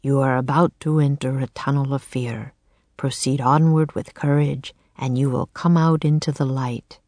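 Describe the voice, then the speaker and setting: A woman's voice: a bass voice, steady tone, moderate pace, a little mellow, dry recording, pitched below the performer's own voice. Woman doing a solemn old wizard.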